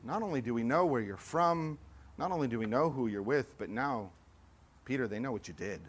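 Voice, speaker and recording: A man preaching a sermon at a middle pitch, swinging from loud, emphatic lines to hushed, low asides. He raises his voice to act out accusers, then drops back to a quiet, sober tone. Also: lively intonation, brisk, a little hiss or hum. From California. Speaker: pastor.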